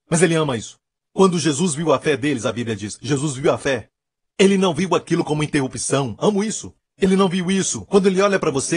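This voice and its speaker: A fairly high, husky male voice preaching with emphatic, repeated phrases. He sounds close and dry, with little room around him, as he drives each point home. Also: dry recording. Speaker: pastor. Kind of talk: sermon.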